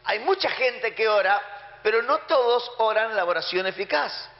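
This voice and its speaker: A man's voice: sits high, expressive, normal speed. A man with an Argentine accent preaching a sermon emphatically, acting out the prayers and orders he talks about. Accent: Argentine Spanish. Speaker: pastor. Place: church hall. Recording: muffled sound in a reverberant hall.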